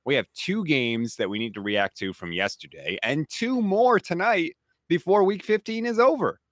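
A man hosting a sports talk podcast, his voice rough, grating and hoarse from a cold, speaking emphatically. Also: a little high, expressive, moderate pace, fairly bright tone, no room sound, studio quality. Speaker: podcast host.

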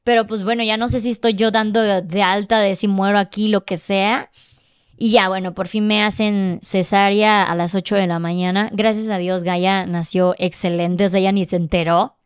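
A woman's voice: medium pitch, level tone, moderate pace, smooth. A woman telling a personal story in casual podcast conversation, emotional and vivid, acting out the dialogue. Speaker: podcast guest.

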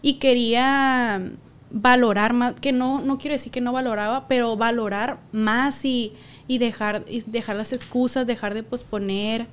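Earnest Mexican woman, smooth voice. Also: a little high, steady tone, measured pace. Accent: Mexican Spanish. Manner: earnest, searching for words, then urging listeners. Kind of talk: casual chat.

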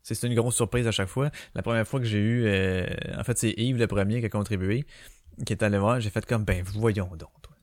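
Québécois guy, low voice, loose rambling solo podcast host, dry close home mic. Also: steady tone, a little fast, no echo. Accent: Québécois French. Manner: rambling, many fillers and restarts. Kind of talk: casual solo podcast talk. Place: small bedroom at home. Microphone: small home microphone.

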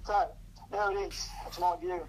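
An older man, a guest chatting casually in a rambling, hesitant way, heard through a low quality speakerphone recording. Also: fairly even intonation, normal speed, a loud crowd, rough recording. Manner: rambling, hesitant, full of ums and restarts. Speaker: guest on a podcast, host's father. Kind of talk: casual chat about rugby league.

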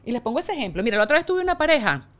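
Animated woman therapist telling stories. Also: a little high, racing. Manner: animated storyteller, acts out clients. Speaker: therapist guest. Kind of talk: conversational interview.

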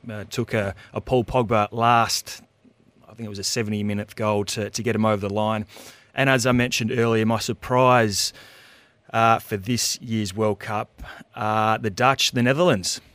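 A man's voice: on the low side, fairly even intonation, fairly bright tone, smooth, dry recording. An Australian man co-hosting a radio show, talking casually with lots of fillers and restarts. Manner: easygoing, halting with many fillers. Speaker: radio co-host. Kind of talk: casual radio sports chat.

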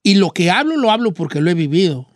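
This man's voice sits high and sounds very animated and fast as he plays a folksy old Mexican-accented rancher. Hosting a call-in show, he tells a rambling story and gives advice laced with rural slang, recorded dry with clean studio sound.

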